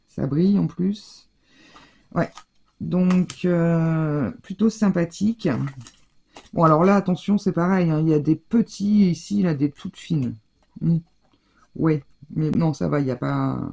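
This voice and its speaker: A French-accented woman talks through a haul at home in a casual vlog, pausing often with fillers and restarting her sentences. Her voice is husky and gravelly, with a dark, mellow tone. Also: low-pitched. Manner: hesitant, many fillers and restarts. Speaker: scrapbooking vlogger.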